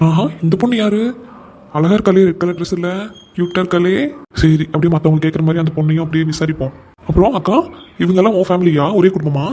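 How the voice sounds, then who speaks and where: A cheeky young man in a cartoon, played by a man with a raised, youthful pitch. He fires off his lines at a rapid clip. He sounds breezy and teasing. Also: fairly even intonation, dark tone, natural voice. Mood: chatty. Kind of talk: animated cartoon voice acting.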